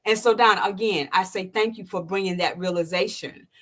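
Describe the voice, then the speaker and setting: An animated woman in her sixties, a podcast host, gives emotional interview testimony at a moderate pace. She performs quotes with sudden pitch leaps and lowers to a soft, quiet voice when emotional.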